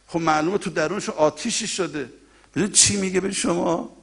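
A male preacher giving a colloquial, impassioned mourning sermon that swells into loud cries and drops to quiet asides to the congregation. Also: high voice, slightly rough. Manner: colloquial, direct address to the congregation.

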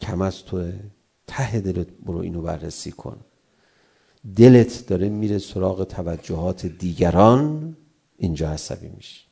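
A middle-aged cleric delivers a sermon in a gravelly voice. His tone is dark and mellow, and he acts out quarrelling spouses in raised voices to make his points. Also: low voice, animated, long pauses.

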